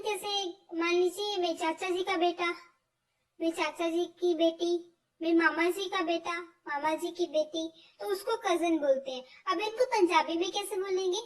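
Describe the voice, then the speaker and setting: Woman teacher, very high voice, slow careful repetition, mic far away. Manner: repeats each word slowly with stress. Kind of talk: explaining vocabulary, slow and repetitive.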